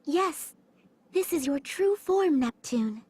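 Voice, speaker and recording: High-pitched goddess voice, female fairy guide, polite, formal, calm, video game. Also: slow, dry recording. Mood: solemn. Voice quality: heavenly goddess voice. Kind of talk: scripted game voice acting.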